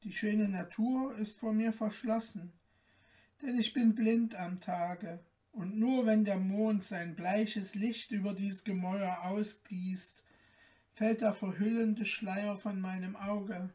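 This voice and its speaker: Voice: medium pitch, distant mic, close to an everyday voice. A reader doing a mournful enchanted owl princess. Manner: soft and subdued, slow and mournful. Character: sad enchanted owl princess, lonely and gentle.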